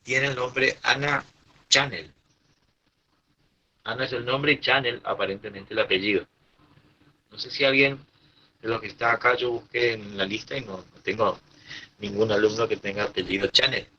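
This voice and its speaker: A man's voice: fairly low pitch, moderate pace, long pauses, sharp tone, lo-fi sound. Patient Argentine male teacher. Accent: Argentine Spanish. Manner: patient, repeats points with frequent "¿sí?". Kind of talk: online class explanation.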